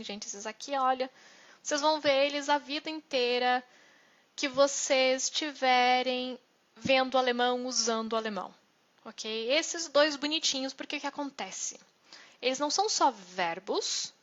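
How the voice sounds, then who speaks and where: A woman's voice: sits high, fairly bright tone. A woman with a Brazilian Portuguese accent teaching German in a live online lesson, explaining step by step and checking in with "né?" and "ok?". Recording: dull lo-fi sound.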